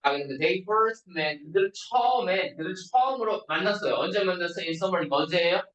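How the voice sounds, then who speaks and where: A man teaching an English grammar class, constantly checking in with students and reading example sentences slowly. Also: sits high, expressive, a bit bright. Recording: roomy, distant classroom recording.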